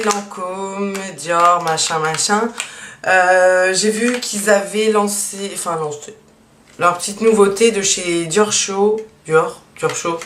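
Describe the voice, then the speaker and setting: A woman chatting casually through a beauty haul, with lots of fillers and a steady stream of small asides. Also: medium pitch. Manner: chatty, many fillers and "donc voilà". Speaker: beauty vlogger. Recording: echoey room, mic at a distance, faint hiss.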